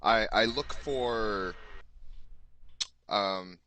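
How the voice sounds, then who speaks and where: A man playing a tabletop game, speaking hesitantly with many ums and halting restarts. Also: lowish voice, bright, forceful tone, a little hiss or hum, low-quality recording. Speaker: player.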